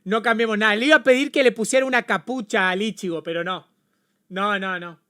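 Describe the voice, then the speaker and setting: A man with an Argentine accent reacting on a casual livestream, excitable and swearing, often repeating himself. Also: sits high, brisk, clear, resonant tone. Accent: Argentine Spanish. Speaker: streamer.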